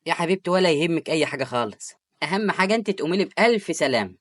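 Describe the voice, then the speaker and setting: A performer with an Egyptian Arabic accent voicing an affectionate, patient young husband in an animated story. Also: female voice, low voice, no echo, studio quality. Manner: warm-hearted, rapid.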